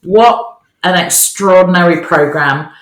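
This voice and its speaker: A woman's voice: fairly low pitch, measured pace. Upbeat Australian woman in an echoey bare room. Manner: upbeat, chatty, cheerful. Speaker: podcast co-host. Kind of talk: casual chat. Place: new, bare office with nothing on the walls. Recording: echoey bare-walled office.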